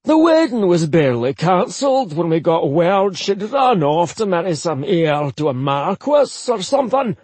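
A man voicing an older Scottish uncle, gossipy and indignant, in a high, sing-song way. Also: big pitch swings, normal speed, hardly any pauses, darkish tone, slightly rough, no echo, full character voice.

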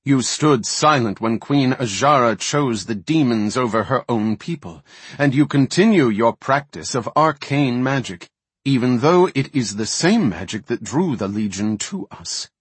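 A man voicing a stern, ancient male elf archdruid who speaks in a grave, reproachful, measured way, with a husky voice. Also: on the low side, lively intonation, no room sound.

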